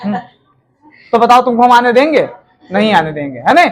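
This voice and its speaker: A man with a very high voice teaches grammar in a relaxed classroom manner. He keeps checking in with his listeners through quick rhetorical questions. Now and then he acts out example lines in different tones to show how they come across.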